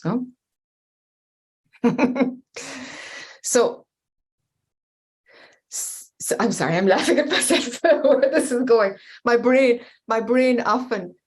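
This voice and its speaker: An Irish woman, a spiritual teacher, leading a guided meditation in a slow, hesitant, soothing way. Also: on the low side, a little mellow.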